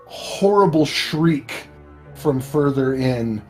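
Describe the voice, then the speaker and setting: A man narrating a tabletop game as game master, improvising the story in a halting, measured way. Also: medium pitch, expressive, a little mellow. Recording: faint background music.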